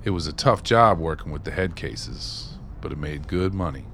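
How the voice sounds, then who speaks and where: An extremely low-pitched man delivers animated, heavily acted lines at a moderate pace, his tone a bit bright amid slight background noise. In this radio play he portrays a wry, streetwise ex-maintenance man telling folksy, colloquial tales of the past.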